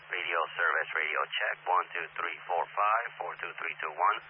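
A low, deep male voice comes through a walkie-talkie with a narrow, tinny sound and static. He speaks as a technician doing a radio check, repeating short procedural phrases in a clipped way. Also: moderate pace. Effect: two-way radio transmission. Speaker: radio technician running a field test.

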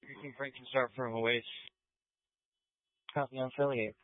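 A male police dispatcher reading out radio calls in clipped, rapid call codes over a police radio transmission. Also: medium pitch, flat delivery, dry recording. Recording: tinny narrowband radio, dry.

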